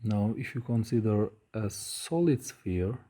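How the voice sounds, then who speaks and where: A man lectures on physics at a board, his voice low and very dark in tone. He speaks slowly and pauses often with hesitant fillers as he writes. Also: animated. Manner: slow, measured, frequent hesitations with uh. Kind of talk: whiteboard lecture.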